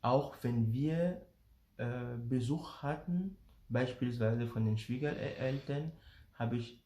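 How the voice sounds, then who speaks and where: In a casual explanatory chat to camera, a man from Benin shares what he's been through as a father, his gravelly, mellow mid-range voice moving slowly with frequent fillers, repeated words, and fresh starts. A noticeable echo from the surrounding room colours the sound.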